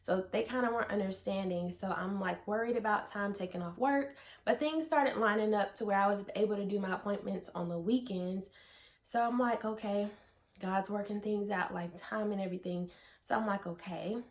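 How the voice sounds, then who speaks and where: A woman's voice: medium pitch, moderate pace. A young adult woman vlogging, telling a personal story casually to the camera with lots of fillers and asides to viewers. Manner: chatty, many "like" fillers, addresses viewers as you guys.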